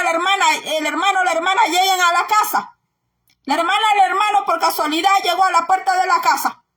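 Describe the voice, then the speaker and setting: A woman's voice: very high-pitched, pushed and bright. A woman preaching a sermon with emphatic, scolding exhortation, often raising her voice and repeating phrases for emphasis.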